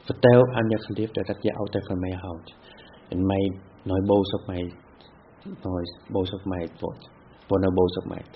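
A man giving a spiritual talk as a meditation teacher, speaking deliberately with repetitive phrasing and halting restarts. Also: deep voice, fairly even intonation. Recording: dull lo-fi with faint hiss.

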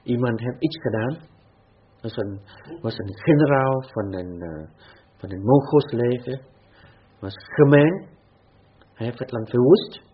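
Husky low-voiced man giving a dharma talk. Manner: slow, repetitive, frequent restarts and fillers. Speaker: Buddhist teacher. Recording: dull lo-fi recording.

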